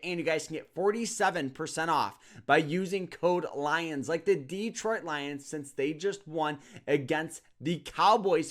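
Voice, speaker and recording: A man's voice: fairly high pitch, a bit bright. A man hosting an upbeat trading lesson over a screen share, talking casually and often repeating words as he goes. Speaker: trading course host.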